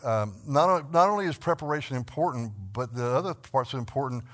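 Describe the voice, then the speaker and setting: A man with a Texan accent leads a church Bible class in a conversational teaching style, speaking earnestly with frequent restarts and repeated words. His mid-range voice is expressive and a bit bright, and he talks a little fast.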